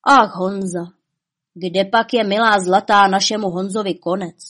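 Woman voicing a blustering grumbling storybook man, louder, breathy voice. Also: medium pitch, steady tone, close to an everyday voice. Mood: sighing. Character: gruff blustering male companion.

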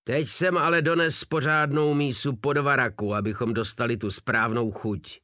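A man's voice: medium pitch, fairly even intonation, sharp tone, no echo, studio quality, natural voice. A man voicing a brash, crude, rowdy soldier who mocks and swaggers, with coarse speech. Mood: mocking.

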